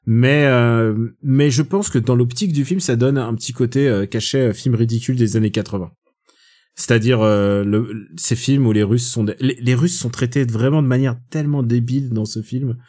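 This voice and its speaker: Man, mid-pitched, opinionated casual film-podcast co-host. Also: moderate pace. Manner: opinionated, chatty, gently teasing. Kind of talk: casual film review chat.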